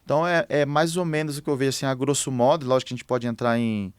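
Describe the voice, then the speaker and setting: Guy on a podcast, smooth voice, lots of "é" and restarts, dry close mic. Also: mid-range voice, fairly even intonation, no echo. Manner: halting, thinks aloud with many fillers. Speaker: construction manager guest. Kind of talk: casual podcast interview.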